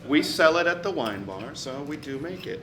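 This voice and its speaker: Deadpan man in a noisy, roomy venue. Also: on the high side, normal speed. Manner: deadpan, absurd asides delivered straight. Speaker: sommelier guest. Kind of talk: live comedy wine tasting. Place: small live venue on stage.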